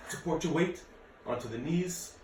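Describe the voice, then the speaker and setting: A man in his late thirties, a martial arts and fitness instructor, gives casual, easygoing workout instruction to camera. His voice is a little high and slightly mellow, at a moderate pace. The room is echoey, the mic distant, and there's faint noise.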